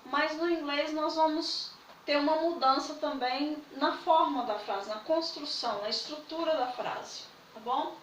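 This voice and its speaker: A woman's voice: sits high, unhurried, a bit bright, reverberant, far from the mic, a little hiss or hum, poor audio. A woman, patiently explaining English grammar in a video lesson and checking in with her students often. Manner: patient, repeats points with "né?" and "tá?". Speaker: English teacher.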